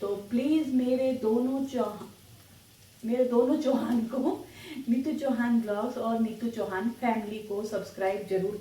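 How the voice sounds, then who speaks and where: A middle-aged family vlogger with a slightly high, warm voice chats casually with her viewers at home, rambling from topic to topic. She records in her kitchen using only the built-in phone mic, so the room sounds echoey with faint noise.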